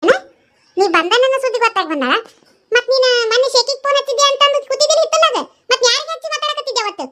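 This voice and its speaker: A woman's voice: very high-pitched, expressive, very fast, fairly bright tone. A woman voicing a nagging middle-aged mother in a cartoon, scolding and mocking in a North Karnataka Kannada accent. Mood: interrogating.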